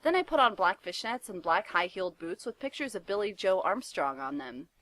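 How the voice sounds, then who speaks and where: A woman giving a dramatic reading of fanfiction with a deadpan, mock-dramatic delivery. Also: medium pitch, a little fast, no echo. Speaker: reader.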